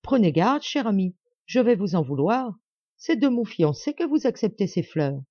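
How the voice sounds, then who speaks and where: A woman's voice: fairly low pitch, expressive, a little slow, mellow, no room sound, lo-fi sound. A woman doing a sneering young noblewoman. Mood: mocking. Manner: sneering, falsely sweet. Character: haughty young noblewoman, mocking and spiteful.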